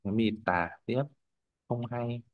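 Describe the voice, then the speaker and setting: A man's voice: medium pitch, unhurried, narrow, tinny audio. A male language teacher, leading a classroom pronunciation drill. He models words, corrects students, and keeps checking that they follow.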